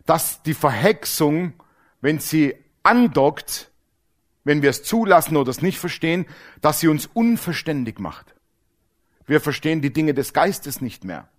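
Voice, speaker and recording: A man preaching a sermon with dramatic storytelling, swinging between loud emphasis and low hushed asides, slowing down to stress key words. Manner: slows down to stress key words, then rushes.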